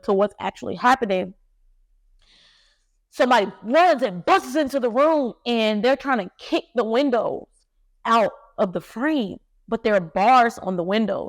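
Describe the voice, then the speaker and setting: Young woman haltingly telling a painful story. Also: fairly high pitch, no room sound, clean studio sound. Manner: halting, emotional retelling with many fillers. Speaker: podcast host. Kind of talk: personal storytelling.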